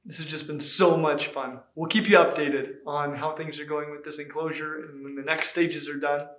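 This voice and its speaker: A man with a fairly high voice hosts a hands-on build vlog. He talks casually and informally as he narrates the work. His manner is excited and gushing, like someone revealing a makeover. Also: moderate pace. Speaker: host of a reptile enclosure build video.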